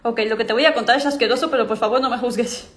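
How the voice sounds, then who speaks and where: A woman's voice: on the high side, natural voice. A woman voicing a bold, scheming eight-year-old girl who talks cheekily and dramatically. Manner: cheeky, dramatic, quick comebacks. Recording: echoey room.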